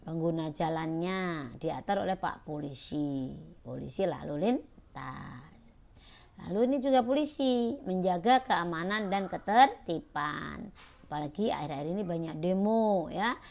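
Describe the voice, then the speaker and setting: A woman teacher speaks slowly and patiently to her pupils, with a gravelly edge to her voice. She leans on little "ya" and "nah" checks as she explains each point. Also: on the low side, lively intonation, darkish tone. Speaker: primary school teacher. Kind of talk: recorded class lesson.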